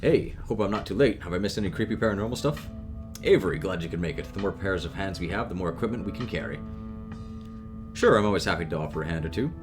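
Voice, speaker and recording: A man's voice: low voice, lively intonation, quick pace, over music. A man voicing a friendly, level-headed adult with an easygoing, reassuring manner, in a read-aloud story game.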